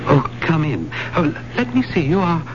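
High, flustered professor. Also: male voice, big pitch swings. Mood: flustered, charming. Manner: halting, fussy. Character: flustered, courtly, absent-minded professor. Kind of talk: theatrical radio drama acting. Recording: dull lo-fi radio recording, faint noise.

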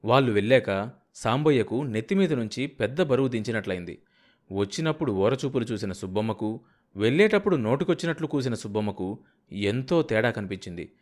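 Man, audiobook narrator, scripted novel narration, steady measured reading, middle pitch.

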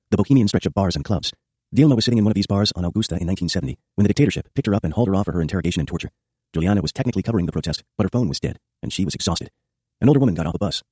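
Rapid, husky-voiced male memoir narrator. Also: deep voice, mellow, dry recording. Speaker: audiobook narrator. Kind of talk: scripted first-person memoir narration.

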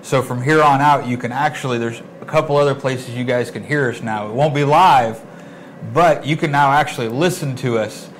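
A man's voice: mid-range voice, normal speed, a little hiss or hum, low-quality recording. A man co-hosting a show, talking casually and unscripted to his listeners and friends. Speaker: co-host of a cannabis show.

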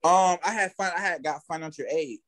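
Higher-pitched American man, slangy street talk. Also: brisk, fairly bright tone. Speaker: music artist being interviewed. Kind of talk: casual chat.

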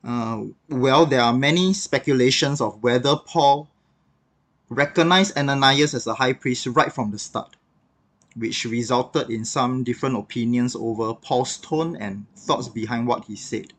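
A man's voice: mid-range voice, unhurried, a bit bright. A man giving a devotional talk on a Bible passage, reflective and conversational, with occasional filler words. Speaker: devotional speaker.

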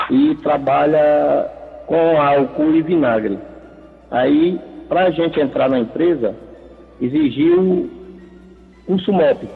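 Male phone-in caller, thin, tinny phone line, slightly raised pitch. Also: gravelly, big-room sound. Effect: heard over the phone. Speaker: radio call-in listener. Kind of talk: casual question to a radio show.

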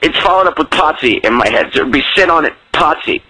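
Leaving a casual voicemail by phone, a drunk listener rambles in a campy, comic way, his fairly high voice quick, lively, pushed and bright. The recording is low quality with no room sound.

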